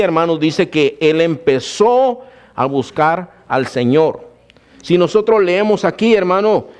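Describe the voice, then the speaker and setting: A man from Guatemala preaches a sermon, telling his own testimony in a storytelling manner and calling his listeners "brother." His voice sits high and is a little mellow.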